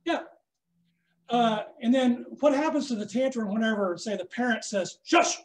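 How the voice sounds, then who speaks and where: A man teaching a snare drum masterclass, coaching a student hands-on and checking in often with a quick "okay?". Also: extremely high pitch, darkish tone. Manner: instructive, checks in with frequent "okay?". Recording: echoey room.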